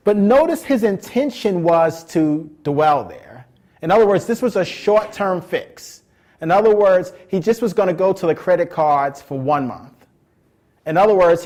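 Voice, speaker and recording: A man preaching a Bible teaching, stressing key words slowly and often restarting his sentences. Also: a little high, a little mellow. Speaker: pastor. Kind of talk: sermon teaching.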